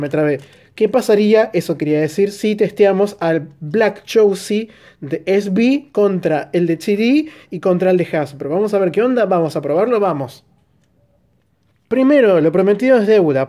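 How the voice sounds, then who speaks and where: Argentine guy doing a toy unboxing vlog, high voice, gets loud and hyped. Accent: Argentine Spanish. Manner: excitable, narrating hands-on, bursts of shouted exclamations. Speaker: toy reviewer.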